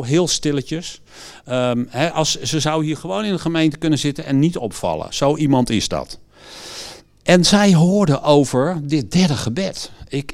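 A man preaching, telling vivid stories in a sermon, often restarting sentences as he goes. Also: mid-range voice. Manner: lively storyteller who acts out quotes. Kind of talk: storytelling sermon.

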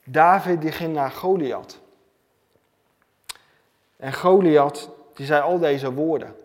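A man preaches with emphatic, repeating phrases in a fairly high voice. His sermon rings out with a long reverb in a church hall. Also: slow pace. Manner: emphatic, repetitive preaching cadence.

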